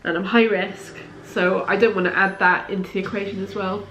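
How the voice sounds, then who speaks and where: A woman's voice: medium pitch, steady tone, brisk, noisy background. A woman, talking candidly to camera as a parenting vlogger, chatty and heartfelt with rambling asides. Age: late 30s. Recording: roomy echo in a home room.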